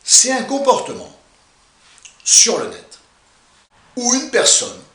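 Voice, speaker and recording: Male psychotherapist, animated and playful, bright voice, echoey room. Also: on the high side. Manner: animated, playful and self-mocking. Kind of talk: explanatory video monologue to subscribers.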